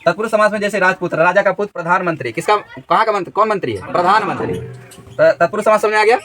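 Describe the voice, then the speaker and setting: A man's voice: high voice, racing, crowd noise. A man teaching a grammar lesson in a classroom, repeating each question so the students answer together.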